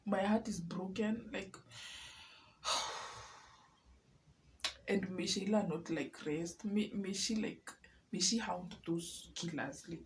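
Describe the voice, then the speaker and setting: A young Kenyan woman talks straight to camera in a personal vlog, upset and filling her speech with "like". Her voice sits at a middle pitch, with a faint hiss of noise behind it. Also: takes it slowly, long pauses, low-quality recording. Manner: upset, fills speech with "like", switches into Swahili. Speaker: vlogger. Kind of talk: emotional personal vlog rant.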